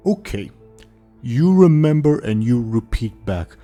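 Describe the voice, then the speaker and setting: A man voicing a big, dim, childlike ogre for a tabletop game, in dopey, halting broken speech. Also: mid-range voice, big pitch swings, mellow, soft background music, pitched above the performer's own voice. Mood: earnest, pleading. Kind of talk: in-character tabletop role-play.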